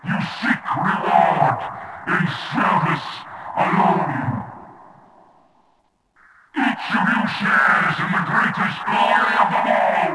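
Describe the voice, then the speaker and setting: An actor playing a ruthless male dictator, giving a slow, grandiose propaganda speech to his people in a video game. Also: sits high, pushed and bright, heavy reverb, in a large hall, far from the mic, slight background noise, heavily acted, rough recording. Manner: slow, grandiose oratory with long pauses.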